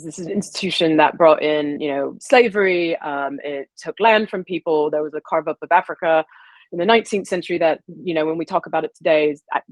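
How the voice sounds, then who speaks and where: A woman from the American South, a historian guest on an interview podcast, talking in halting phrases with many restarts. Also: deep voice, dry recording. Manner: halting, restarts, frequent laughs.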